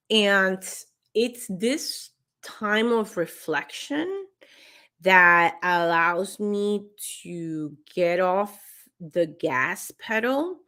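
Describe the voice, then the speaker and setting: An earnest woman vlogger who talks to camera about staying motivated. Her voice sits a little low and she takes her time, stopping often to restart a thought. The delivery is casual and sincere. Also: a bit bright. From grew up partly in Peru. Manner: earnest, with many restarts and fillers. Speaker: vlogger sharing motivation tips.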